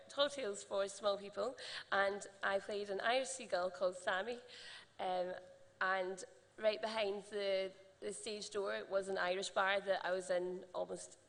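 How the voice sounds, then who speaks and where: Chatty, slightly husky woman. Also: mid-range voice. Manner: chatty, giggly, lots of ums. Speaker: festival contestant. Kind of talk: stage interview. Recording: echoey hall.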